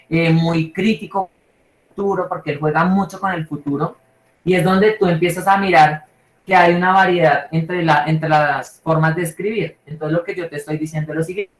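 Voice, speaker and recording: A man from Colombia with a Bogotá accent, teaching a literature class over a video call in an informal, rambling way, checking in with his students constantly. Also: a little high. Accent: Bogotá Colombian Spanish. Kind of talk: live online class lecture. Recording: echoey room.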